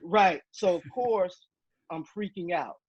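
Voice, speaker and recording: A retired army officer telling a story in casual interview talk, with many fillers and restarts. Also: male voice, high voice, slow, husky, dry recording, lo-fi sound.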